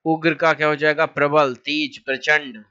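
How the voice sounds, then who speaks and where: A man teaching as a language teacher, reciting lists of synonyms in a steady, drilling way with short asides. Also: fairly high pitch, moderate pace, clean tone, highs cut off. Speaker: Hindi teacher.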